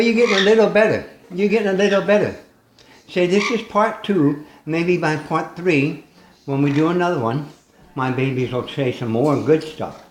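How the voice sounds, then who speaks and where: A man's voice: a little high, a little hiss or hum. A man coaxing his pet parrots to talk at home, in a doting, teasing, sing-song way. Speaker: parrot owner. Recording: echoey room recording.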